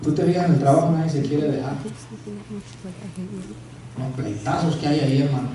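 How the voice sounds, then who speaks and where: A man's voice: on the high side, moderate pace, mellow, a little hiss or hum. A middle-aged man preaching a fervent sermon as a pastor, often calling out straight to the listener. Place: church sanctuary. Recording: very echoey church hall, mic far off.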